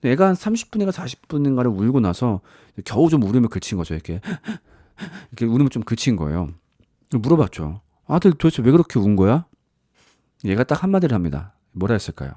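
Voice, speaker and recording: A man's voice: mid-range voice, sing-song, fast, dark tone, no echo, studio quality. A man preaching a sermon in a conversational storytelling way, acting out the voices in the stories he tells. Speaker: pastor.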